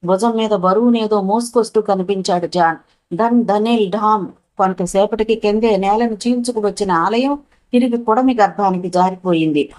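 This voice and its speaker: A woman narrating a novel as an audiobook, with a dramatic, expressive reading. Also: mid-range voice, a little fast, low-quality recording.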